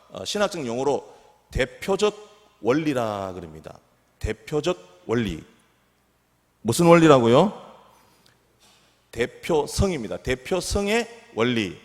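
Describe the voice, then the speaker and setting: A middle-aged male pastor preaches in a church sanctuary, his voice rising and falling with lively swings in pitch. He keeps asking the congregation questions, and his words ring out with a long reverb through the hall. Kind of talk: sermon.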